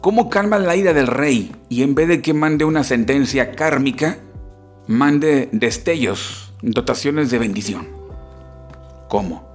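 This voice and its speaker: A man's voice: mid-range voice, lively intonation, unhurried, faint music behind. Man lecturing with rhetorical questions. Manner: explanatory, asks frequent rhetorical questions. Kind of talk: religious lecture.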